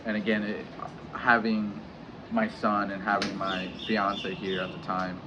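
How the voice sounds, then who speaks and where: A man in his thirties with a lowish voice speaks haltingly, full of pauses and restarts, as he opens up in a personal vlog. The audio is dull and lo-fi, with steady noise underneath. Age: 30s. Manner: hesitant, halting, many restarts and fillers. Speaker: vlogger. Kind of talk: candid personal vlog talk. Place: home in Mexico.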